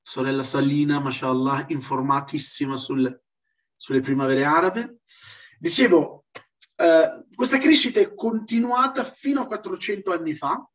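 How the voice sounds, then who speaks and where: A man with a notably high voice delivers an informal explanatory lecture. He is didactic and emphatic, stressing his points for his listeners. The sound is muffled and somewhat far from the microphone. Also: moderate pace. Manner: didactic, emphatic, often checking with "ok?". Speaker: lecturer in a religious history seminar. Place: live online seminar with chat. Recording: dull distant lo-fi microphone.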